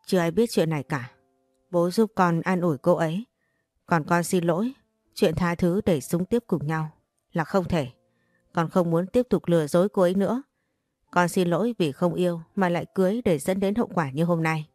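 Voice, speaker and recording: A calm young husband who stays firm and quietly resolute, read by a woman in her own lowish voice. The recording is dry and close, with faint music underneath. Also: normal speed, no echo, lightly acted.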